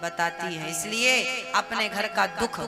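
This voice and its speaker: A man's voice: high-pitched, a little slow. A man giving a folksy devotional sermon to a gathering, asking rhetorical questions and singing short couplets. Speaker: preacher. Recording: music behind the voice.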